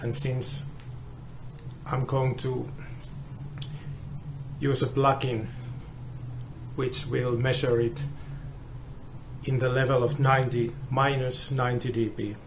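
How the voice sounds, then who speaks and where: A man explaining a guitar measurement test, halting and restarting often, heard through a low-quality phone recording. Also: little pitch movement, background noise. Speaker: guitar tester.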